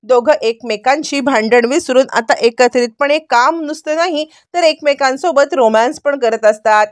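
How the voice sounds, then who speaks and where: A woman retelling a TV serial episode in a steady, descriptive storytelling way. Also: on the high side, no room sound, studio quality. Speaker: TV serial recap narrator. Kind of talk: storytelling recap.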